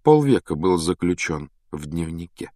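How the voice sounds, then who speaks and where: A sinister teenage wizard , voiced by a man, talks slowly and smoothly with cold mockery. His voice sits fairly low, and the sound is dry and close. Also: very animated, dark tone, no echo. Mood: coldly mocking. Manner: smooth, coolly mocking, unhurried. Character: sinister teenage boy wizard, calm and cruel.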